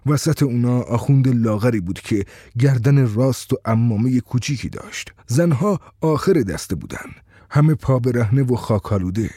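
A man reading a first-person story in a steady, conversational storytelling way. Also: mid-range voice, breathy edge, dry recording, clean studio sound.

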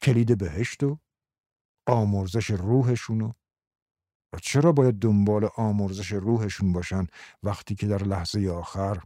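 A man's voice: lowish voice, fairly even intonation, mellow, no echo, clean studio sound, lightly acted. A man voicing a guilt-ridden village priest in a brooding, confessional inner monologue. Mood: remorseful.

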